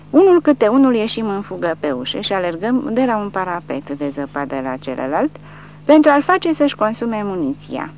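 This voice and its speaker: A woman narrating a war audiobook in a dramatic, animated way, in a dull lo-fi recording with a faint hum. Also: mid-range voice. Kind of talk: scripted narration.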